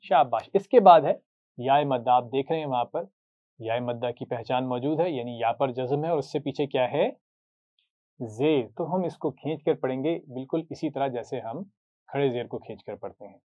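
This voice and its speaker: A man's voice: medium pitch, moderate pace. A man teaching a Quran recitation lesson, patiently drilling short syllables for students to repeat, with a Pakistani Urdu accent. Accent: Urdu-speaking, Pakistani. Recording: tinny phone-like sound.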